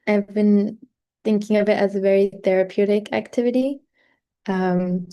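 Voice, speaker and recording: A woman's voice: mid-range voice, mellow. A woman hosting an online group session over a video call. She talks in a casual, friendly way and uses a lot of filler ums. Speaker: host.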